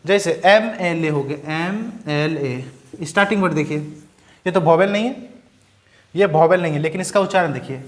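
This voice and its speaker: A young man teaching a grammar lesson, who asks questions and answers them himself and sounds words out slowly. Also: a little high. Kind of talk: Hindi-medium English grammar lesson.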